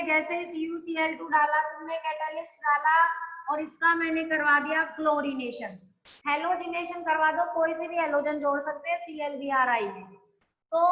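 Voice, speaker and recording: A woman's voice: sits high, sharp tone. A woman teaching a chemistry lesson, explaining step by step and often checking that the class follows. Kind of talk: classroom lecture. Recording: echoey room.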